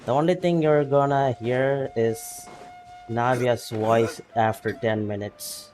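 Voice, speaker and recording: Soft music plays under this laid-back gameplay stream, where a man chats easily with viewers, laughs a lot, and calls out chatters by name. He speaks slowly in a medium-pitched, steady voice with a slightly dark tone.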